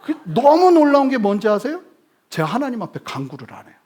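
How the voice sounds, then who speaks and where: A male pastor giving a sermon, telling humorous stories with sudden loud bursts. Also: very high-pitched, huge pitch swings, quick pace.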